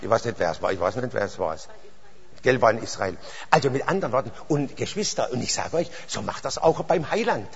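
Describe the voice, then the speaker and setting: Fervent preacher in echoey hall. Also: male voice, medium pitch, animated, fairly quick, creaky, lo-fi sound. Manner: rambling and anecdotal, rising to fervent exclamations. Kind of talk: sermon. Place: church hall. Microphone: handheld microphone.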